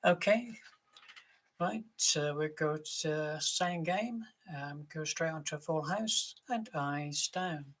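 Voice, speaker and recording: Low-voiced woman calling bingo. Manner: measured, deliberate number calling in traditional bingo rhymes. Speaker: bingo caller and host. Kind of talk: online bingo calling with casual chat.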